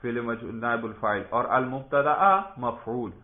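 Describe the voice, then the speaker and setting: A male teacher leads a classroom grammar lesson, patiently putting questions to a student and echoing the answers back. His voice sits at a mid pitch. The sound is thin and tinny, as if carried over a narrow line, and it rings around an echoey room. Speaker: religious school grammar teacher.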